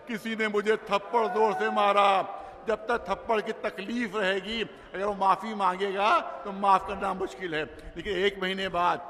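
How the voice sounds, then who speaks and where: A man's voice: high voice, sharp tone. A man with a Lucknow Urdu accent, a cleric delivering an emotional, declamatory sermon in a large mourning hall. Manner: declamatory, rising into lamenting cries. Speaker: cleric giving a majlis sermon. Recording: long reverb of a large hall.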